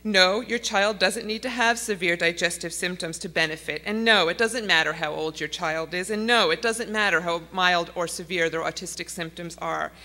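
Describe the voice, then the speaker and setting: Woman, middle-aged, conference speaker, earnest and pleading, forceful bright voice, reverberant hall. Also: on the low side, normal speed, few pauses. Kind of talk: speech to an audience.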